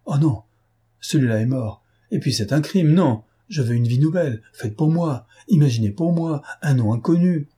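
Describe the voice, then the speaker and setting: A man's voice: on the high side, lively intonation, moderate pace, mellow, husky, voice pushed up. A man reading an audiobook voices a weak-willed young man who pleads anxiously. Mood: revolted.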